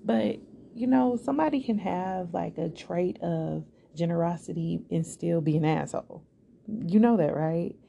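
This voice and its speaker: A woman's voice: on the low side, moderate pace, creaky, warm tone, muffled recording, a little hiss or hum. A young woman hosting a solo podcast, talking candidly and reflectively in a conversational way with plenty of fillers. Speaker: podcast host.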